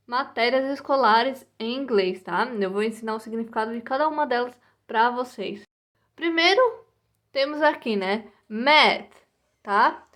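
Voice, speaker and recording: High-voiced teacher drilling pronunciation slowly. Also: female voice, fairly bright tone. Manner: slow, repetitive pronunciation drills with frequent "tá?" and "né?". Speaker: English teacher. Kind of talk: recorded online lesson for children.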